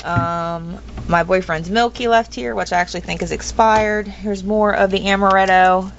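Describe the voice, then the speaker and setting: A young woman vlogs a rambling, casual tour of her home, standing in the kitchen with plenty of ums and blunt takes. Her mid-range voice is creaky and steady in tone, at a normal speed. The footage is dull lo-fi home video with noise.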